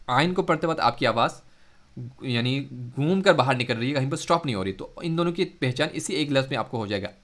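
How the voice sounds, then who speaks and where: A man with an Urdu accent, a Quran recitation teacher giving a lesson, who explains slowly and then draws out the sounds he demonstrates. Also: fairly high pitch, a bit bright. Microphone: close mic.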